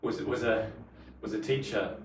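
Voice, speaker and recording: Man, 40s, broad New Zealand accent, slangy podcast guest, deep-ish voice, recorded a little away from the mic. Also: moderate pace. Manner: colloquial and slangy. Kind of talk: casual interview chat. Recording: roomy echo, distant mic, faint noise.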